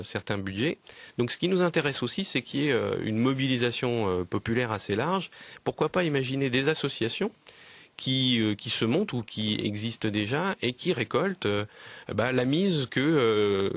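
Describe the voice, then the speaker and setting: A man from Lower Normandy, a guest on a radio interview, explaining earnestly and hesitantly with many fillers and restarts. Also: fairly bright tone, dry recording. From Lower Normandy, France. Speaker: guest, land trust representative.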